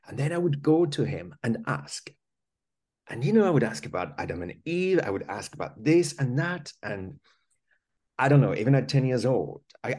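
A French man with a French accent and a mellow, medium-pitched voice tells his life story as a podcast guest. He's earnest and conversational, with many small restarts and "you know"s.

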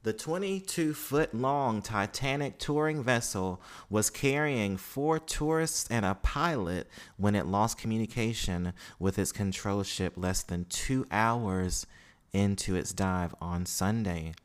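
A man hosting a podcast, reading news aloud and breaking off to comment in a relaxed, informal way. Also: lowish voice, takes it slowly. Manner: reads news passages then comments informally. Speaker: podcast host.

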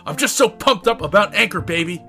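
A man's voice: sits high, lively intonation, a little fast, sharp tone. A man, co-founder of an audio production company, reading an enthusiastic sponsor message. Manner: enthusiastic, playful, gets hyped. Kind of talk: scripted ad read. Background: guitar music.

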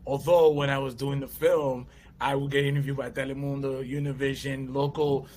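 In a casual interview, a thirty-something American comedian and actor spins stories, animatedly acting out voices and quotes along the way. His pitch is medium and his pace normal.

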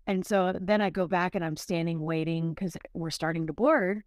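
A middle-aged woman co-hosting a podcast, telling her dating stories in an animated, casual way and laughing often. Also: on the low side, normal speed, no echo, studio quality. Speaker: podcast co-host.

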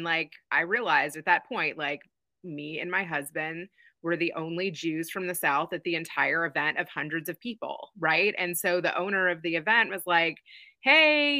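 A woman's voice: lowish voice, bright, forceful tone, no echo. A woman from Kentucky, a guest in a casual conversation, talking in a friendly, reflective way.

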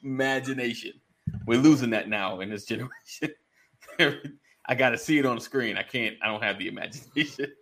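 The host of a live men's community show online chats casually with his audience, joking like a morning radio DJ and greeting listeners by name in informal, colloquial speech. His medium-pitched voice is brisk and a little bright.

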